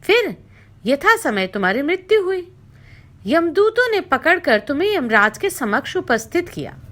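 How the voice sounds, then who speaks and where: A woman reading a scripture story aloud as narrator, with expressive recitation that dips low when addressing the king. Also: measured pace.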